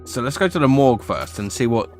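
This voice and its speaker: A man's voice: medium pitch, very animated, quick pace, a little mellow. A man giving casual let's play commentary, thinking aloud and often checking himself with tag questions. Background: game music.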